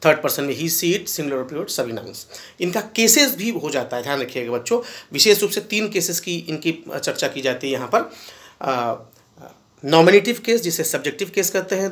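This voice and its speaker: A middle-aged man, teaching an exam-prep grammar lesson. He lists terms steadily and slows down to say English example sentences. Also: a little high, a bit bright.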